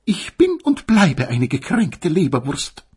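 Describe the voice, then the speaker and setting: A shrill, wounded lady liver sausage, prim and forever offended, in a storybook read aloud, as a man puts her on. She wails in a squeaking falsetto with a lilt, and her voice is raspy. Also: wildly swooping pitch, takes it slowly, darkish tone, exaggerated voice. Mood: indignant. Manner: shrill, wailing, hurt falsetto. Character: touchy, refined female liver sausage.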